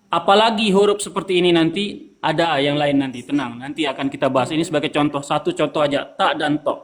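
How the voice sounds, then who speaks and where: A man teaching Quran recitation rules, patiently repeating terms and asking students to read aloud. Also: fairly high pitch. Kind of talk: online tajwid lesson.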